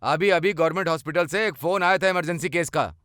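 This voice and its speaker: A man plays a brisk police desk officer on the line in a dubbed film. He talks slightly high and bright, giving clear official instructions. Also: close to an everyday voice. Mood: businesslike. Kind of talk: Hindi film dubbing.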